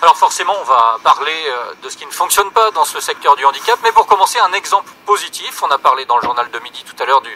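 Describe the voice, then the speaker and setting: A man hosting a live radio debate, interviewing guests with hesitant phrasing and frequent pauses. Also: a little high, sharp tone, slight background noise, low-quality recording. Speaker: radio host.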